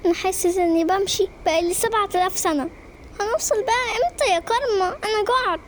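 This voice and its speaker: Lady voicing a whiny timid kid brother, high squeaky voice, faint noise, animated story. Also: fast. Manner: whiny, complaining.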